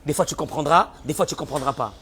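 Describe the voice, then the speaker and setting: A man giving a sermon as a rabbi, animated, often acting out the voices of people who complain. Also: on the high side, fast talker, slight background noise.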